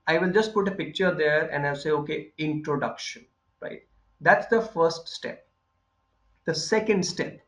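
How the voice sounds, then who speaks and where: A man's voice: a little high, fairly bright tone. A man running a live training session on presentation skills, explaining step by step and often checking in with "right?" and "okay?". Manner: explanatory, repeats points, frequent "right?" and "okay?" check-ins.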